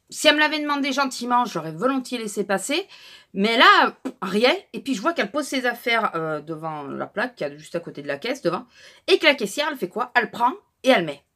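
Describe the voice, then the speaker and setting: A woman's voice: fairly high pitch, a bit bright. Woman, casual haul vlog, chatty, indignant, lots of fillers. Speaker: vlogger.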